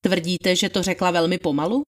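A woman's voice: lowish voice, fairly even intonation, voice pushed down, close to an everyday voice. A woman reading the part of a methodical male attorney questioning a witness, in a formal, probing manner. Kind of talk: dramatized trial testimony reading.

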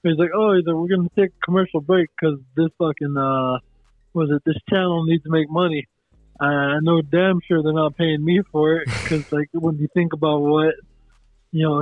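A man's voice: a little high, steady tone, normal speed, dry recording. A man calling in to a casual podcast chat, his voice muffled as if from inside a fishbowl and laid-back with plenty of swearing. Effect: muffled call audio, like a voice inside a fishbowl. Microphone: remote call. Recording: tinny phone-like call line.

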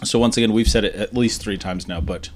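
A man's voice: on the low side, brisk. A man co-hosting a casual podcast, joking and swearing as he tastes snacks. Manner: loud swings, joking, swearing, laughing. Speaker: podcast co-host. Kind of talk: casual chat while eating snacks.

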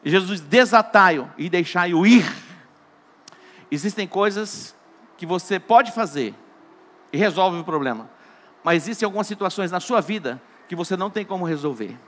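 A Brazilian pastor preaches with a high, bright, ringing voice. He tells jokes and Bible stories, swinging from quiet asides to loud, emphatic delivery. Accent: Brazilian Portuguese. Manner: joking storyteller, shifts between hushed and loud emphatic. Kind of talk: sermon.

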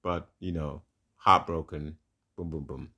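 A man in a casual podcast chat, retelling a film plot. His voice is very low. He rambles and acts out the scenes as he goes. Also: steady tone, measured pace, bright, forceful tone, breathy edge. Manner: rambling, dramatizing, laughs often.

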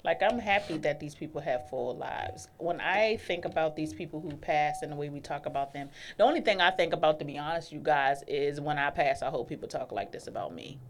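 A woman co-hosting a casual chat, reflective and earnest with quick comebacks. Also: sits low, a little hiss or hum. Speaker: podcast co-host.

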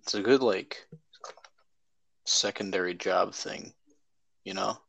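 A man's voice: deep voice, steady tone, takes it slowly, gravelly, pushed and bright, husky, dry recording. A teenage boy co-hosting a casual podcast, laid-back and chiming in with short remarks. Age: teens. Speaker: podcast co-host. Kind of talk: casual chat.

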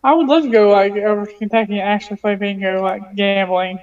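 A woman's voice: mid-range voice, steady tone, fast, darkish tone. Laid-back woman on a distant mic. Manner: short, laid-back replies. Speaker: podcast co-host. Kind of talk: casual podcast chat. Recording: distant, dull-sounding mic.

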